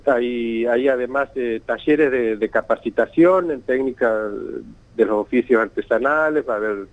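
A man's voice: medium pitch, normal speed. A man from Santiago del Estero, Argentina, with a local accent, speaking as an event organizer in a radio interview over a bad phone connection, hesitant and repeating words often. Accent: Santiago del Estero Argentine Spanish. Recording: tinny, choppy phone line.

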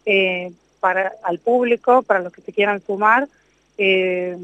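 Woman inspector, smooth high voice, stumbles a bit, muffled dry audio. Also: unhurried, fairly bright tone, dry recording. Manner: hesitant, trailing restarts. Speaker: safety inspector. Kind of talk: interview answers. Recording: dull muffled sound.

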